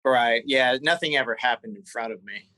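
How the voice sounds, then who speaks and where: A man from the Carolinas speaks candidly as an interview guest. He circles back and restarts his sentences while he remembers. His voice is bright and forward, recorded close and dry. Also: mid-range voice, dry recording, rough recording. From South Carolina. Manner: candid, halting, many restarts and fillers. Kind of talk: conversational interview storytelling.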